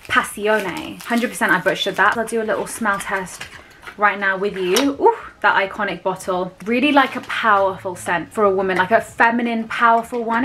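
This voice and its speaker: A beauty vlogger in her twenties chats enthusiastically to camera while unboxing products, sprinkling in frequent fillers during her casual haul. Her medium-pitched voice is a bit bright, with a little hiss or hum in the background.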